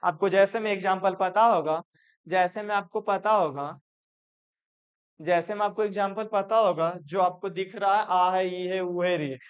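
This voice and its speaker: A man's voice: sits high, moderate pace, clean tone, highs cut off. A male teacher giving a classroom grammar lesson, repeating points and asking and answering his own questions. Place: classroom with students.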